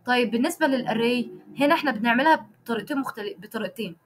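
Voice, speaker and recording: Speaking very fast at a fairly high pitch, a young woman with an Egyptian Arabic accent runs a live online programming lesson with slight background noise. She explains each step, pauses regularly to check understanding, and restarts and fixes her sentences as she types.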